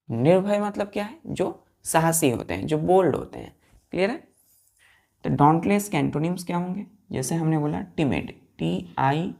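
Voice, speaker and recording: With a low voice touched by vocal fry and a bit of mellowness, a woman teaches English vocabulary to children in a classroom style. She mixes Hindi explanations with the English words, spells every word letter by letter, and keeps asking the kids to repeat it.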